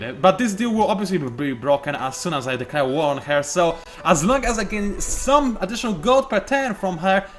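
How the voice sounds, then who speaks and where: Fairly high in pitch with a fairly bright tone, this let's play host talks through a strategy game. His commentary is casual and jokey, full of self-mockery and thinking out loud.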